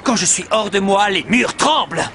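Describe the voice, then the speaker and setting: A woman's voice: medium pitch, animated, moderate pace, natural voice. An actress playing a hot-tempered, tough young woman in a cartoon dub, warning in a threatening way. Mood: menacing. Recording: loud music under the voice.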